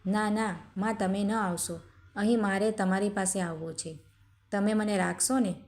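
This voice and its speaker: A woman's voice: mid-range voice, steady tone, normal speed, a little mellow, close to an everyday voice. A woman voicing a feverish, remorseful young husband begging for help. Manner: pleading, weak.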